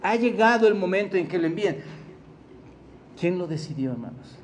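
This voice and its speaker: A man's voice: sits high, expressive, normal speed. A Mexican man preaching a sermon, often asking the congregation questions and repeating key words for emphasis. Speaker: pastor.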